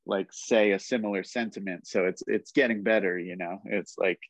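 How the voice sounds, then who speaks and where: A man's voice: lowish voice, normal speed, no room sound. A man hosting a podcast and chatting casually, rambling and leaning heavily on "like" as he talks. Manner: rambling, heavy use of "like", relaxed. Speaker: podcast host. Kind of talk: casual interview chat.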